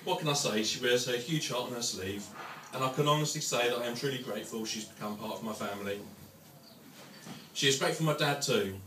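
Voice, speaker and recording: A man's voice: medium pitch, brisk. A young British man giving a wedding toast speech as best man, with dry, joking delivery to the guests. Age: young adult. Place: large room with wedding guests. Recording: echoey, noisy room, distant microphone.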